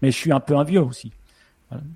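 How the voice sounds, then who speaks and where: A man with a Swiss French accent chatting casually on a podcast, full of fillers and quick to laugh. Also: mid-range voice, gravelly, dark tone, breathy edge, no room sound. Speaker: podcast co-host.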